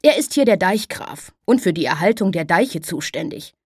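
A woman's voice: lowish voice, expressive, moderate pace, slightly rough, dry recording, studio quality. A woman voicing an affectionate, mildly chiding grandmother. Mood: fond. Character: warm, fussing grandmother, older.

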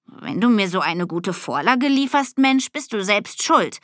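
A woman's voice: medium pitch, lively intonation, unhurried, fairly bright tone, no echo. A woman voicing a sarcastic, nonchalant male talking cat in an audiobook, with a dry, drawling delivery.

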